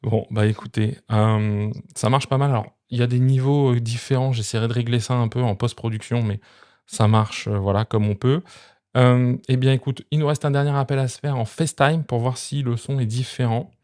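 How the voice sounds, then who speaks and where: Speaking directly to camera, this man runs a tech review channel and walks through products in a relaxed, chatty manner. He talks fairly quickly in a medium, somewhat dark voice that holds a steady tone.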